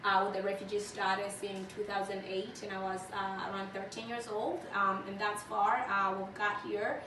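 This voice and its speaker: Young woman from tanzania, earnest interview answers, flat delivery, far off echoey noisy recording. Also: medium pitch, moderate pace. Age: 20s. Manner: earnest, steady, many fillers. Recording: echoey room, distant mic, noisy.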